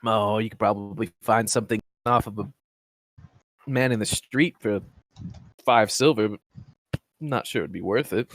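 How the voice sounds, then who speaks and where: A man voicing a worldly ship captain in a tabletop game, talking in a measured, dry and probing way. The sound is close and dry, with no room around it. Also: fairly low pitch, no echo, voice pushed down. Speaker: game master. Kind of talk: tabletop role-play.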